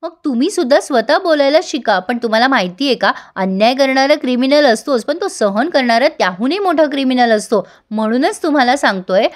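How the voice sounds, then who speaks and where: A woman's voice: high-pitched, expressive, fairly quick, hardly any pauses. A woman reading as a teasing young lawyer husband.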